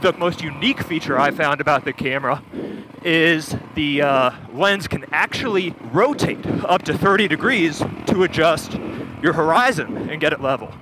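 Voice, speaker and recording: Riding his motorcycle, a video producer walks through the features of his gear in a plain, explanatory chat. His voice sits on the high side and moves at an ordinary speed. The sound comes through a helmet intercom, mixed with engine rumble and wind.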